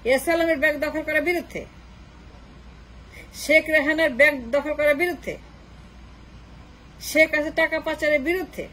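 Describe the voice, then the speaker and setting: A woman's voice: sits high, a bit bright, a little hiss or hum, low-quality recording. A woman delivering a political monologue, mocking with repeated rhetorical questions. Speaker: political commentator.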